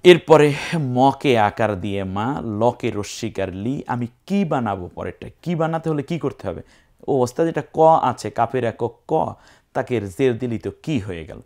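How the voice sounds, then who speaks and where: Guy teaching quran reading, super slow and patient, spells out each sound then chants the word long. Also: mid-range voice, animated, a little mellow. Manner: patient, spells sounds slowly, breaks into drawn-out recited words. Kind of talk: step-by-step recitation lesson.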